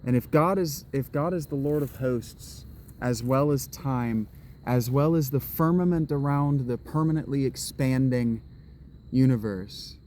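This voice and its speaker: Mellow and mid-range, this male vlogger speaks at a measured pace over a little hiss or hum. Walking in public with his camera in hand, he rambles through a spoken monologue, restarting sentences and drifting into musing.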